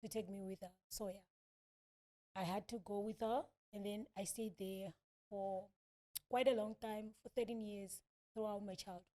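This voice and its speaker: On a low-quality recording, a warm, steady, medium-pitched woman's voice moves at normal speed. She's a podcast guest in her thirties with a Southern African accent, South African-born and Malawi-raised, recounting her life and repeating phrases to stress them.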